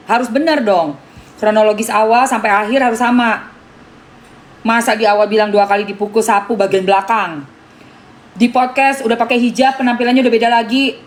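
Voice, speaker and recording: Indignant woman streamer. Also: fairly high pitch. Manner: talks to viewers by name, argues indignantly; calls herself [name]. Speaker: live streamer. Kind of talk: casual live-stream commentary.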